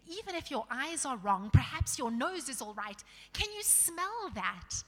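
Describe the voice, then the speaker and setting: A woman's voice: high-pitched, sing-song, unhurried, sharp tone, long reverb tail, soft background music, pitched above the performer's own voice, full character voice. A woman voicing a kind young girl queen in a storybook reading, earnest, compassionate and pleading.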